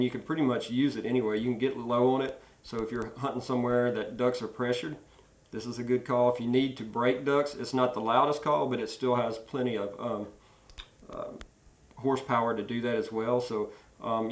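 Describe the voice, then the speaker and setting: A man giving an informal, somewhat hesitant and meandering product demonstration, speaking as the maker. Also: mid-range voice. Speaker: duck call maker presenting a product. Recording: echoey room.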